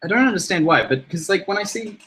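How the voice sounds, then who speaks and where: A man's voice: sits high, lively intonation, quick pace, sharp tone, rough recording. A man, co-hosting a live gaming podcast in rambling, laughing casual chat. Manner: rambling, self-interrupting, laughs often. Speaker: podcast co-host.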